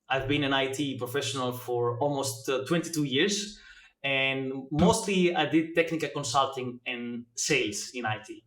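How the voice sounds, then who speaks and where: A man in his forties, originally from Greece, explaining his work as a guest, with many filler pauses between thoughts. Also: mid-range voice, fairly bright tone. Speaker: guest, blockchain educator. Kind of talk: interview answers. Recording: echoey room.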